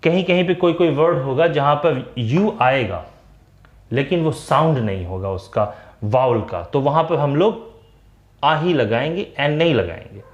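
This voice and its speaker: A man with an Indian accent teaching English grammar, explaining slowly and drawing words out. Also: medium pitch, lively intonation, dull audio. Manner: slow, deliberate explanation with words drawn out. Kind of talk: classroom-style explanation. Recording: echoey room.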